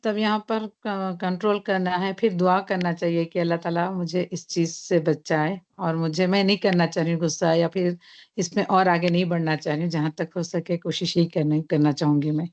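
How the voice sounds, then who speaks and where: Sex: woman. Role: workshop participant. Pitch: low. Sound: dull, lo-fi call audio. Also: flat delivery, normal speed, a little mellow. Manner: hesitant, polite, with restarts.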